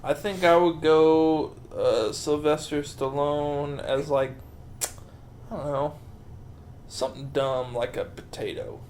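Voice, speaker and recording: A man's voice: fairly high pitch, steady tone, a little mellow, a little hiss or hum. A man bantering crudely and jokingly on a film podcast. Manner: joking, crude, drawn-out phrasing. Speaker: podcast co-host.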